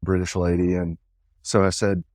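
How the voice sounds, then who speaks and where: A man's voice: low-pitched, little pitch movement, moderate pace, darkish tone, dry recording, clean studio sound. A middle-aged man co-hosting a casual podcast, telling a meandering personal anecdote. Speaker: co-host.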